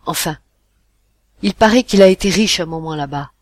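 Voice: mid-range voice, normal speed, no room sound, lightly acted. A reader doing a curt, irritated ship captain. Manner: curt, loud, dismissive. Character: irritated ship captain, tall thin man, self-important.

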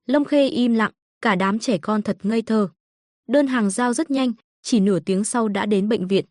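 A woman reads an audio novel in a steady, even storytelling voice. Her pitch sits a little high. The recording is dry and close, with no room sound. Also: a little slow, dry recording. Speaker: narrator. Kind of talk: scripted audiobook narration.

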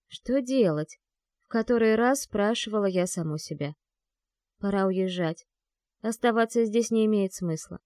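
A woman narrates a fantasy novel in the first person, with a medium-pitched voice that rises and falls in a lively way. Her reading is animated and she acts out the characters' lines. The recording is dry and close, with no room sound. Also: no echo. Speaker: audiobook narrator. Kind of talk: expressive fantasy audiobook reading.

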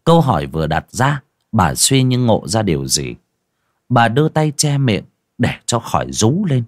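A man's voice: on the low side, very animated, normal speed, no room sound, studio quality. A man narrating an audio horror story in a dramatic, lurid storytelling manner.

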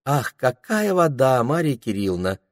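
A man's voice: mid-range voice, sing-song, normal speed, dry recording, clean studio sound, voice pushed up, lightly acted. A man reading aloud, voicing a lovesick young shop clerk who pleads in flowery words and breaks into shrieks. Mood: fawning.

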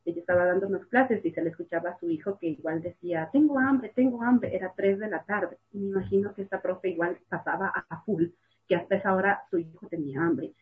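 A woman's voice: medium pitch, husky. A woman, a guest telling of life as a mother and student in casual talk, repeating words for emphasis and using many fillers. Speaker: guest sharing her experience as a mother and student. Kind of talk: casual personal testimony. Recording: tinny phone-like line.

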